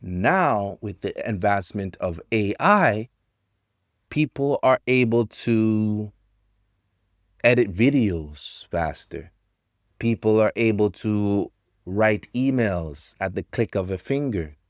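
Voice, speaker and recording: A man in his thirties teaching English to learners, talking about technology in slow, simple sentences with pauses. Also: lowish voice, expressive, no room sound, clean studio sound. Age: 30s.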